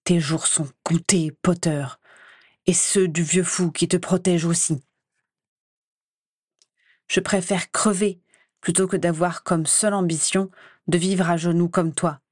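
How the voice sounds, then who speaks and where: Woman reader doing a hateful teen rival wizard, low and spiteful, dry close mic. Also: fairly even intonation, measured pace, pauses often, darkish tone, no echo. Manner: spiteful, threatening. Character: sneering hostile teenage boy rival wizard.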